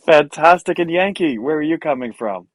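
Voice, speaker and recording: A man's voice: a little high, expressive, measured pace, no room sound. A man hosting conference talks, playful and upbeat as he introduces speakers. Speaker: conference host. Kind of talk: emcee introductions.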